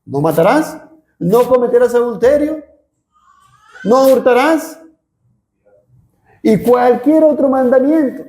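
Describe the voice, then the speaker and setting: A man's voice: very high-pitched, a little mellow. A man with a Peruvian Spanish accent preaching a sermon, earnest and pleading, repeating phrases for emphasis. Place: church hall. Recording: echoey church hall.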